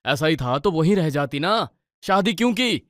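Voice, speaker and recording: Storybook husband: low, put-upon grumbler, a woman voicing him, dry studio sound. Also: lively intonation, a little slow, dry recording. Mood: annoyed. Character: weary grumbling husband, adult man.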